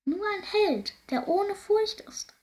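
A woman voicing a sighing, remorseful male ghost of an old squire in a storybook, in a high, plaintive, slow voice. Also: animated, darkish tone, exaggerated voice. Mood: mournful.

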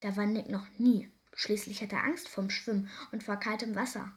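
A woman reading a children's story aloud, gentle and expressive, sometimes dropping to a soft whisper. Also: medium pitch, normal speed.

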